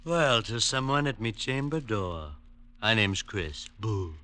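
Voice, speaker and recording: An actor playing a drunk, sardonic young stepson who talks in grand slurred phrases, in 1940s radio acting. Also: male voice, fairly low pitch, expressive, slow pace, music in the background.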